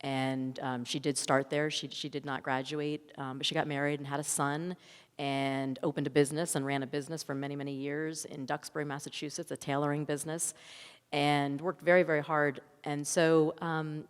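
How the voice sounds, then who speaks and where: At a public festival Q&A in a big, reverberant hall, a woman director chats with the audience and tells informal stories. She has a deep, smooth voice with little pitch movement and a moderate pace, and the recording is echoey with long reverb.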